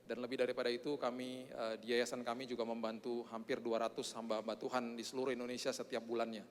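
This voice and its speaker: Speaking fast and flat in a mid-range voice, this pastor preaches and prays in a church hall. He keeps poking fun at himself and leans on "eh" fillers, while the hall's reverb trails on long.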